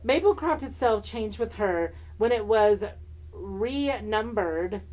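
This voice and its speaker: A woman's voice: medium pitch, lively intonation, takes it slowly, darkish tone. A woman with a mid-range voice co-hosts a podcast. She is sassy and campy, throwing slang and playful swearing into casual, comedic storytelling that moves between read narration and chat. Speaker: podcast co-host.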